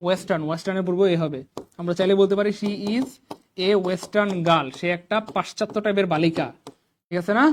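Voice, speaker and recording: A man's voice: high-pitched, steady tone, a little fast, a little hiss or hum. A man with a Bangladeshi Bengali accent teaching an English grammar lesson, quizzing his class with questions and drilling examples by repetition. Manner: quizzing students with rising questions.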